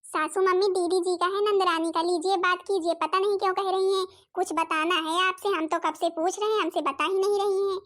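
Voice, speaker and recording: Sugary younger bahu, coaxing, very high voice. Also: female voice, fairly even intonation, a little fast, fairly bright tone. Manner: coaxing, ingratiating. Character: sweet-talking younger daughter-in-law, eager to please. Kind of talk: cartoon comedy voice acting.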